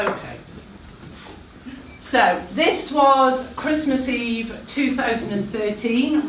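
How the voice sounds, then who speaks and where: A woman's voice: mid-range voice, fairly bright tone, slight background noise. A woman in her thirties telling a personal story to a live audience, chatty and a little nervous, with self-deprecating asides. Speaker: speaker at a live talk event. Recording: echoey room, voice heard from a distance.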